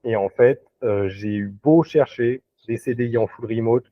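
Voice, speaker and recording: A man's voice: mid-range voice, moderate pace, no room sound. A man who works as a recruiter, talking as a guest in a casual interview over a video call, hesitant, with many fillers and restarts. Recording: dry tinny video-call audio.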